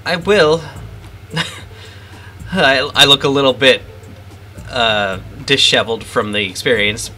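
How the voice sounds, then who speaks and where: A man playing a tabletop game, expressive and prone to exclaiming. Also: mid-range voice, slow pace, pauses often, slight background noise. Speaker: player.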